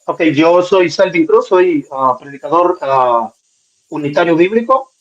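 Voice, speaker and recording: A male preacher speaks haltingly, filling pauses as he gathers his thoughts. His voice sits slightly high and comes through dull lo-fi call audio. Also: animated. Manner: hesitant, many fillers. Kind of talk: debate participant.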